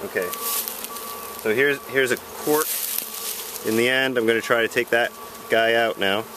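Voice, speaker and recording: A beekeeper on his first try narrates his work step by step in a leafy backyard, his mid-range voice measured in pace and casual but hesitant, unsure and self-deprecating. The sound is from an outdoor camera at a distance, with buzzing bees in the background.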